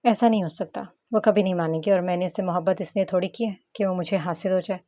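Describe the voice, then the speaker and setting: A woman's voice: on the low side, fairly even intonation, fast, mellow, no echo, close to an everyday voice. A woman reading the lines of a brooding, lovesick young man in an audiobook story. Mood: sulky. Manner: muttering, sulky.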